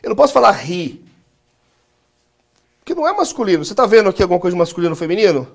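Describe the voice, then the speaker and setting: A man's voice: high-pitched, big pitch swings, racing, gravelly. A Brazilian man teaching English in a live class, leading call-and-repeat drills and joking with his students. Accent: Brazilian Portuguese.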